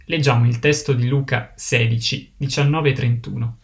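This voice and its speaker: A man's voice: medium pitch, steady tone, normal speed. Man preaching in a solemn cadence. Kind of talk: sermon.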